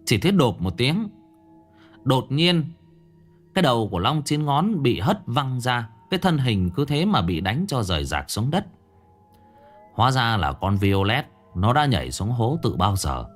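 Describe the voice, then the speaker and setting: A man narrating a ghost story in a dramatic, animated storytelling manner. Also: medium pitch, a little slow, soft background music.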